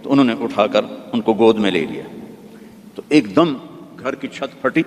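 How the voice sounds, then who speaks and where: A preacher from Pakistan, telling a religious story vividly in a sermon. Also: male voice, fairly low pitch. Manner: vivid storytelling with demonstrative asides. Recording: long hall reverb.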